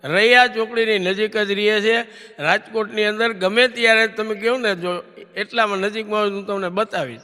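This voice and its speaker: Animated male stage comedian in an echoey hall. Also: high voice, normal speed. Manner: animated, repeats punchlines as questions to the audience. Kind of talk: comic storytelling to a live audience.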